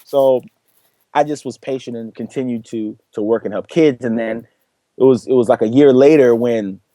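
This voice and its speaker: A man's voice: medium pitch, normal speed, no echo, studio quality. A young man, a guest in an interview, telling his story earnestly and acting out what people said to him. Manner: earnest, animated storytelling with acted-out quotes. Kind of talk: interview conversation.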